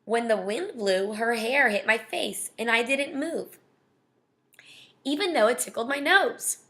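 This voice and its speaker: Young woman reading a kids book out loud, chatty asides, bright higher voice. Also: a little slow. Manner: chatty, breaks off to comment. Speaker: reader reading a children's novel aloud. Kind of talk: casual read-aloud with asides.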